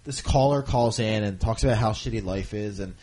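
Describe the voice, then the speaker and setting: A man's voice: fairly low pitch, brisk, warm tone, slight background noise. A man co-hosting a casual chat, easygoing, asking questions and laughing often. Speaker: podcast co-host.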